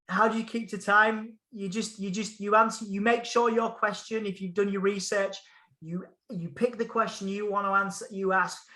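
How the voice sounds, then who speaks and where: In a roomy-sounding recording, a man from Hull, England, with a Hull English accent, talks eagerly as a podcast guest over a call. His high, bright voice has a forceful tone, and he repeats phrases for emphasis throughout the casual interview chat.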